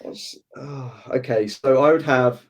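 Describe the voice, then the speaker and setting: A man's voice: medium pitch, unhurried. A man bantering casually as a podcast host.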